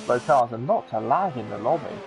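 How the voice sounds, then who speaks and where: A man giving live commentary on a racing league, excitable and chatty with joking asides. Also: medium pitch, a little fast, music in the background, rough recording. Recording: game engine noise under the voice. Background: racing car engine sounds from the game.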